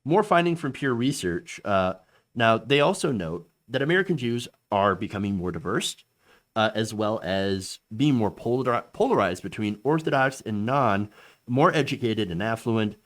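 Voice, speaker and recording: On his own show, a man offers casual political commentary, separating his own views from the quotes he reads aloud. His expressive pitch moves around a lot at normal speed, and he often stalls on fillers and restarts his sentences.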